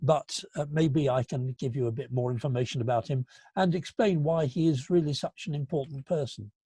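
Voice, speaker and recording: A man in his seventies giving an illustrated lecture to an astronomy club, halting and full of fillers, with a dry, gentle humour. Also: medium pitch, husky, no room sound. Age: 70s. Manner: halting, with frequent fillers and restarts. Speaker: guest speaker at an astronomy club.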